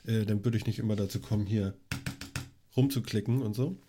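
A man with a cold hosts a casual tech podcast, coughing as he talks in a brisk, lowish voice over background music. He's chatty and rambles with many fillers, using a studio microphone on a long cable.

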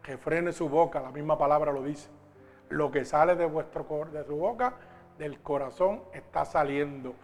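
A male preacher delivering a sermon, fervent and emphatic, swelling loud as he reads scripture. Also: on the high side, normal speed, faint music behind.

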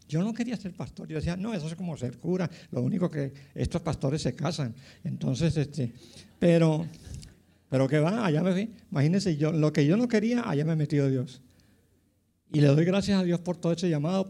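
Elderly pastor in his nineties, mellow and slightly high voice, rambling testimony. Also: lively intonation, a little fast. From Colombia. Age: 90s. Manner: rambling, with many fillers and asides to listeners. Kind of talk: personal testimony, casual storytelling.

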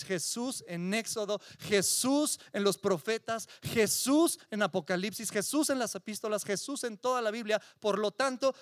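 A man's voice: high voice, no echo, clean studio sound. A man preaching a sermon, emphatic, with repetitions and rhetorical questions. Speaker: pastor.

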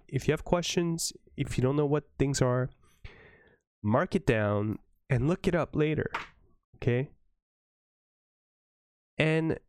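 Excitable man leading a Bible reading. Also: mid-range voice, dry recording, studio quality. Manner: earnest, excitable, with self-corrections and asides. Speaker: Bible study leader reading to a live audience. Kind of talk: Bible reading with informal commentary.

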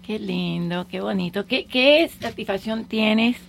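A woman's voice: mid-range voice, a little slow, gravelly, slight background noise. A woman hosting a casual interview, often interjecting and repeating key words. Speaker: radio talk show host.

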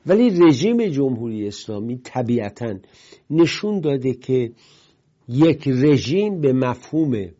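A man hosting a political commentary show, talking in a rambling, digressive way with sudden emphatic lifts. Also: medium pitch. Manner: rambling, digressive storytelling with emphatic swings in loudness. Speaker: host. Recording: dull lo-fi broadcast sound.

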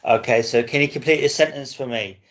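A man's voice: medium pitch, a little fast, fairly bright tone. A man interviewing a band member, giving short agreeable replies and reading set questions. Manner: brief, agreeable prompts. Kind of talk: casual interview.

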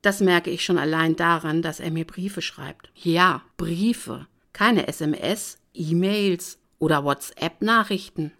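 Female audiobook reader, fairly low voice, lively, sarcastic first-person narration. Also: takes it slowly, creaky, few pauses. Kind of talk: first-person novel reading.

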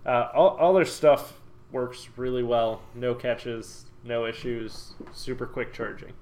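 A man's voice: mid-range voice, takes it slowly, a little mellow, slight background noise. A young man hosting a casual podcast chat, joking and steering the topics. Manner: chatty, joking, shifts topics. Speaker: podcast host.

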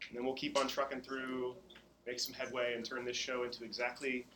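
A man's voice: medium pitch, little pitch movement, brisk, bright, forceful tone, a little hiss or hum, rough recording. A man on a theater staff leading students in affirmations and giving an upbeat, encouraging pep talk.

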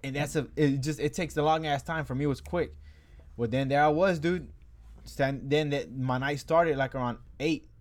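A man's voice: on the high side, steady tone, normal speed. A young man telling a long story in casual chat, slangy and rambling, laughing as he goes. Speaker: storyteller among friends.

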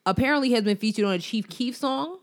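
An adult woman co-hosting a casual podcast chat, animated and opinionated, often laughing. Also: a little high, fast talker. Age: adult over 25. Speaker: podcast co-host.

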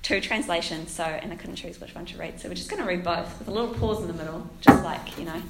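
A woman in her twenties with a croaky voice from a cold, starting phrases with a creak as she gives an informal church talk. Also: fairly low pitch, fast. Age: 20s. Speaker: guest speaker at a church. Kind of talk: informal sermon with scripture reading. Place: echoing church room, handheld microphone. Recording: roomy echo with faint noise.

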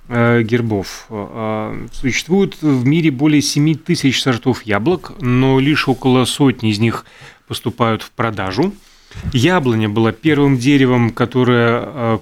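Chatty male co-host sharing trivia. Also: medium pitch. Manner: chatty, hesitant with fillers, self-correcting. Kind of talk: casual chat reading out trivia.

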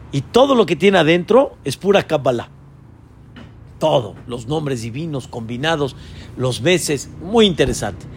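A man, a rabbi, teaching a Torah lesson, asking his listeners rhetorical questions and jumping to a high voice when quoting figures. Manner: voices quoted figures with sudden high pitch.

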